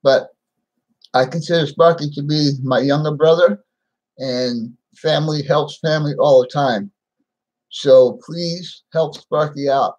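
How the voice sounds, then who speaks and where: A man speaking without his teeth in a halting, plain-spoken way, repeating himself as he chats casually on a live stream. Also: on the high side, a little mellow, poor audio. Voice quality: toothless, slightly slurred speech without dentures. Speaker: livestream host.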